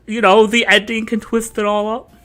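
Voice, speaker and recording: A young man streaming a horror game as host, rambling and joking, his talk dropping to mumbles between louder bursts, into a desk mic at home. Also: sits high, little pitch movement, moderate pace. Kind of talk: casual gameplay commentary. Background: faint game music.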